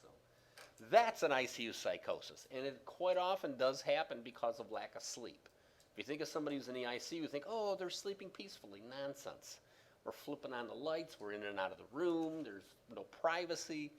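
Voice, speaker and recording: A man giving a classroom lecture on respiratory therapy, rambling with many fillers and restarts, loud and quiet by turns, trailing off at the ends of sentences. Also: mid-range voice, expressive, fairly quick.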